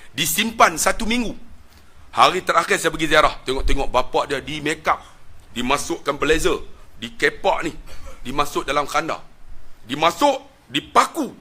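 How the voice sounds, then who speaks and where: An animated male preacher with a Malaysian Malay accent tells a story to his congregation. His voice is bright and sits fairly high, and it leaps up and drops low again as he drives each point home. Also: normal speed. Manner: animated, with big swings of pitch and volume. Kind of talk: sermon storytelling.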